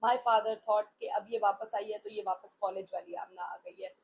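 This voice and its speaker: A talk show host in her forties reflects candidly on her own life, speaking Hindustani sprinkled with English phrases. Her mid-range voice has fairly even intonation and a moderate pace, and the audio is poor with slight background noise.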